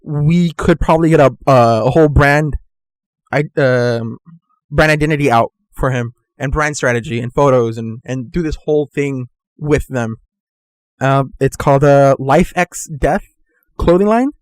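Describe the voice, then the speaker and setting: A man's voice: mid-range voice, measured pace, no room sound. A young man hosting a casual podcast, rambling with lots of fillers and restarts. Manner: rambling, filler-heavy, laughs easily. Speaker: podcast host. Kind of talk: casual chat.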